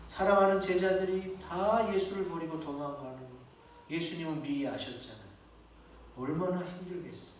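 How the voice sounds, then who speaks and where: A male pastor delivers a sermon in a fairly high voice, talking to his congregation like a conversation and posing questions to them. The sound is very echoey, caught from some distance in a church sanctuary, with faint background noise. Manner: conversational preaching with rhetorical questions.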